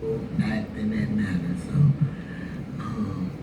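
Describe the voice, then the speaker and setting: A woman's voice: a bass voice, lively intonation, slow pace, creaky, loud music behind the voice. A woman chatting casually as a guest speaker about her experience. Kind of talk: casual chat. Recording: distant, echoey, tinny, noisy audio.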